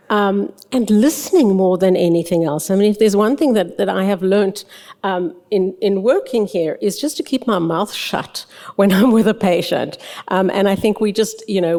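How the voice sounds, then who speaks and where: A woman's voice: medium pitch, warm tone. An older woman, a conference presenter, answers audience questions in a frank, conversational manner. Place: large hotel ballroom stage. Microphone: podium microphone. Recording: long hall reverb from PA.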